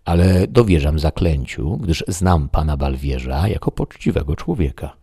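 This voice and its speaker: A man reading as a lofty old knight-errant, deep and husky. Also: big pitch swings, moderate pace, mellow, no room sound, clean studio sound, full character voice. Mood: solemn. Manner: solemn, lofty declaiming. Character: elderly deluded knight-errant, grandly earnest. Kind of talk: audiobook reading.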